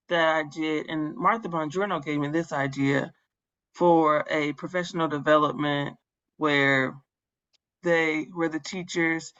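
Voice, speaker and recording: A woman's voice: sits low, a bit bright, highs cut off. A woman who works as a school librarian, chatting on a webinar and explaining classroom tools step by step. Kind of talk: casual webinar chat.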